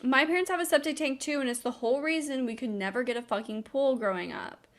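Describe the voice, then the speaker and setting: A woman's voice: high voice, fast. A young woman from North Dakota co-hosting a podcast over a video call, reading listener messages and joking crudely with a lot of laughter. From North Dakota, United States. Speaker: podcast co-host.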